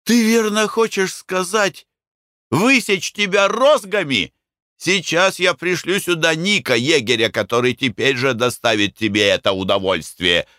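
A man voicing a hot-tempered, coarse young man who shouts scornfully in a raised voice. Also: fairly high pitch, a little slow, no room sound, studio quality, voice pushed up. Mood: mocking.

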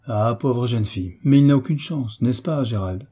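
A man's voice: mid-range voice, normal speed, dark tone, husky, close to an everyday voice. A man voicing an eager young man, the commander's nephew.

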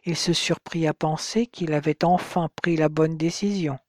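Audiobook narrator, calm even reading, mid pitch, dry close-miked sound. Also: normal speed, no echo. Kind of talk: scripted narration of a novel.

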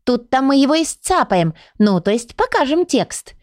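A woman voicing a tiny, excitable girl storybook with a squeaky, high voice, read in a dry recording. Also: a little fast, dry recording. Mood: chirpy.

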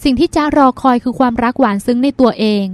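A woman's voice: high-pitched, quick pace, darkish tone, dry recording, lightly acted. A woman reading the lines of a dreamy, chatty young woman who plays the younger sister. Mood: playful. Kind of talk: audiobook character reading.

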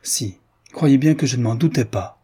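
A cool, reserved young aristocratic wife in a period story, voiced by a man reading aloud. She keeps her answers short and clipped. The voice stays dark and breathy. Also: medium pitch, moderate pace. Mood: earnest.

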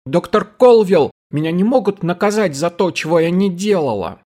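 A man voicing a panicked young woman under arrest who pleads in a shrill, frantic voice. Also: lively intonation, moderate pace, a little mellow.

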